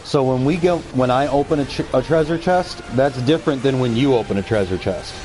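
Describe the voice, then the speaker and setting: A man's voice: mid-range voice, a little fast, darkish tone. Chatty male gaming streamer. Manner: chatty, talks to viewers while playing. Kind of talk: casual live-stream chat.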